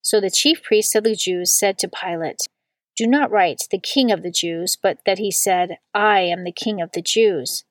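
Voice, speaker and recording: A woman reading a long scripture passage aloud in a measured liturgical style, slowing down on the quoted words. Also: mid-range voice, no echo. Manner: slow and deliberate on quoted words. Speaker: scripture reader.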